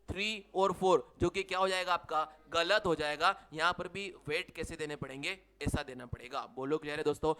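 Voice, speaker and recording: A man with an Indian accent leads a live commerce revision class, chatty and teasing as he mixes Hindi with English terms. His voice is high-pitched, pushed and bright, with a clear, resonant tone.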